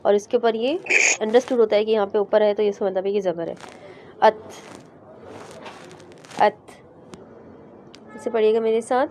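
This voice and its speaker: A woman teaching Quran recitation in a class, patiently explaining letters step by step and sounding them out slowly. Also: mid-range voice, fairly even intonation, dark tone, a little hiss or hum. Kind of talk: online class explaining pronunciation.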